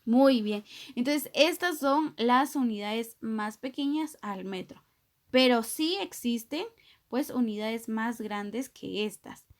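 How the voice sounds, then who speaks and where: Woman teacher going slow over a kids math lesson, kinda high voice, patient, keeps checking in with the class. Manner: patient, explains step by step, asks "¿verdad?" often. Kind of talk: recorded math lesson for children.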